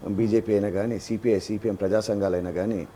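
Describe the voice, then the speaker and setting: A man's voice: on the low side, steady tone, a little fast, mellow. A man answering in an interview, explaining eagerly.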